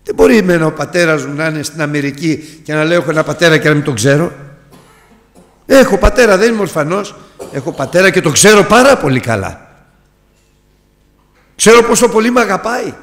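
A man preaching a sermon with passion, often swelling to near-shouts. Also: high-pitched. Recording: long hall reverb.

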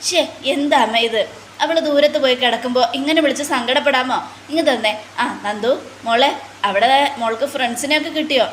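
A woman's voice: sits high, a little fast, fairly bright tone, slight background noise. A woman voicing a firm, caring elder sister who coaxes and lectures her family. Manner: coaxing then scolding, firm.

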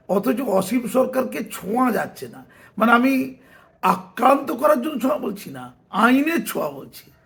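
Man, political commentator, sarcastic, high-pitched, gravelly. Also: a bit bright. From West Bengal. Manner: sarcastic, argumentative, mocking asides. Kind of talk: opinion commentary.

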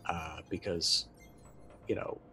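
Deep and husky, with a sharp edge, this middle-aged man's voice stays steady as he slowly works out what his character does in a tabletop roleplaying game. He mutters and hesitates while thinking, playing casually over an online video call indoors with faint music behind him.

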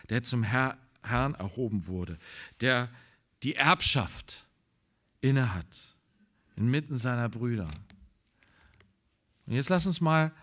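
Slow, lively-voiced German-accented preacher man. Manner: emphatic, rises in pitch and volume when reading scripture; slow, deliberate delivery with pauses. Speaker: pastor. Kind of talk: sermon.

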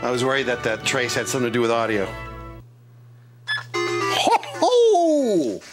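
Speaking at a racing pace in a medium-pitched, flat voice, a middle-aged man narrates a casual vlog as he tests a repaired console at his home workbench. This craft and repair YouTuber is jokey and self-deprecating, humming tunes and laughing at himself, with retro video game music behind him.

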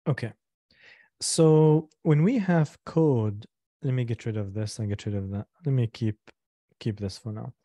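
A male instructor giving a live online lecture, explaining slowly and patiently, repeating each step and asking the class for questions. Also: mid-range voice, mellow, no room sound, clean studio sound. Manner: asks the class for checks and questions.

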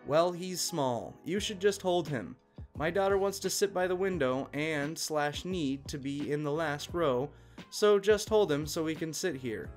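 A man's voice: a little high, unhurried, faint music behind, lightly acted. A man reading as a pushy demanding mother. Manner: insistent, curt.

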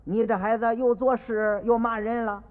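A man voicing a humble, fretful tofu-maker father who speaks low and placating, heard on an old radio recording with long reverb. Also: level tone, normal speed, narrow, tinny audio.

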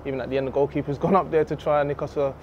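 A young man, a footballer giving a relaxed, candid post-match interview into a handheld mic in an empty stadium. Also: a little high, racing. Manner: relaxed, candid, laughs easily. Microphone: handheld reporter mic. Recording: slightly dull outdoor audio with faint noise.

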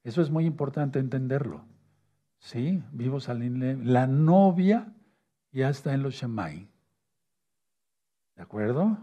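Man preaching, husky dark voice, keeps asking "¿sí?", drags out key words. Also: medium pitch, animated, dull audio. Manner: asks "¿sí?" and "¿de acuerdo?" often, repeats key words slowly. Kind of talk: sermon teaching with a whiteboard.

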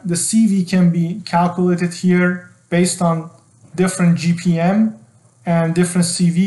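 Man explaining software in an echoey room. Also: fairly high pitch. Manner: explanatory, frequent fillers and restarts. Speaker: HVAC design instructor. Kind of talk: screen-share software tutorial.

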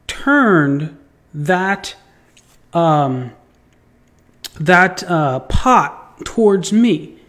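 A man telling a personal story in a casual monologue, acting out voices and sound effects and swearing freely. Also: sits high. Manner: swears freely, repeats words when excited. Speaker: podcast host.

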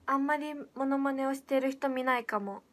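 High-voiced teen girl, soft and hesitant. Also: normal speed. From Japan. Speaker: idol audition candidate. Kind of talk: casual livestream chat reading viewer comments.

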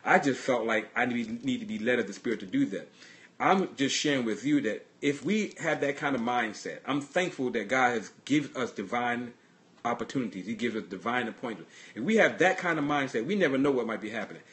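A man pastor preaching in a casual livestreamed sermon. His voice sits in an ordinary middle register. He talks earnestly through personal stories, halting and repeating words as he goes. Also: mid-range voice, animated, a bit bright. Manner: earnest storytelling.

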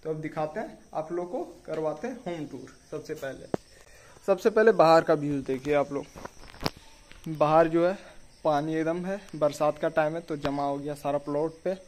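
A young adult man's voice, on the high side and a little mellow, moves at a moderate pace as he casually tours a small concrete house, walking through bare rooms and up to the rooftop while his sister films. Her camera is a few steps back, giving echoey, distant audio with slight background noise.

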